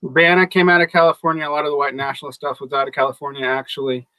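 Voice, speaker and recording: A man's voice: a little high, level tone, rapid-fire, bright, forceful tone, no room sound, low-quality recording. A man with a Southern US accent chatting casually on a podcast, rambling with many fillers and restarts. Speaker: guest.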